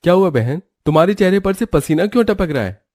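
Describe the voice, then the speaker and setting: A concerned elder brother from a cartoon story voiced by a man questions his sister anxiously. His voice is high but dark and mellow, with a dry, close recording. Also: expressive, quick pace, no echo.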